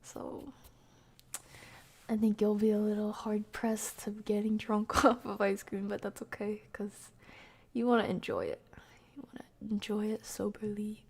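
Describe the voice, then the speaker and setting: In a loose, rambling livestream, a woman talks casually with her audience and reads out their comments. Her mid-range voice has a darkish, slightly rough quality, and she keeps a level tone at an unhurried pace.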